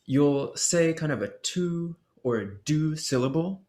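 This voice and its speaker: A man's voice: a little high, lively intonation, unhurried, a little mellow. Guy walking thru ocarina technique, laid back, says "like" a lot, echoey room sound. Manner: casual, explains with demonstration syllables and fillers. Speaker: ocarina workshop presenter. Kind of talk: instructional explanation. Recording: roomy echo.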